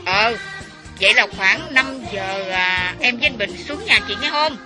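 A loud, commanding young woman, voiced by a male narrator calls out over the phone in a high, insistent voice. Her orders come in bursts, pushed hard so she can be heard. Soft music plays underneath. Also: animated, a little slow. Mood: inviting. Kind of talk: audiobook character voice.

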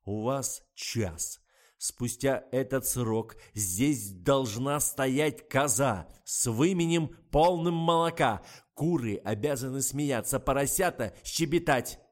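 A man's voice: mid-range voice, slow, voice pushed up, natural voice. A man reading aloud, voicing a hot-tempered male film director who barks orders at his crew. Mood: stern. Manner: shouting, barking orders.

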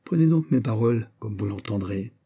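A man plays a spiteful young nobleman who whispers poison into a friend's ear and sneers at his rivals. The voice is dark and husky, insinuating rather than loud. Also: lowish voice, lively intonation, fairly quick. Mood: exasperated. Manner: insinuating, mocking, then exasperated. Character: scheming spiteful young male courtier.

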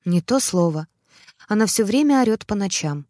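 A worn-out young father speaks in short, flat, tired phrases, as a woman narrator reads his lines. His words come out clipped and weary. The sound is close and dry. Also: mid-range voice, moderate pace, no echo, lightly acted.

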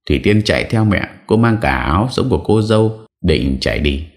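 A man reading a story aloud as an audiobook narrator, in a steady storytelling manner. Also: sits low, a little fast. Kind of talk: scripted narration.

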